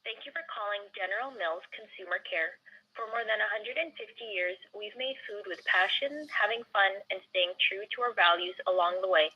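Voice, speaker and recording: A woman's voice on a recorded customer service phone menu, reading prompts in an even, measured way. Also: medium pitch, slight background noise. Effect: recorded phone menu message. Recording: dull phone line.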